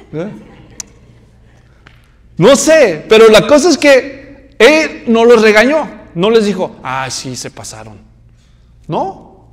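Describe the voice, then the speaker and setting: A man's voice: high-pitched, big-room sound. A man preaching a sermon, telling the story vividly and putting questions to the congregation. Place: church.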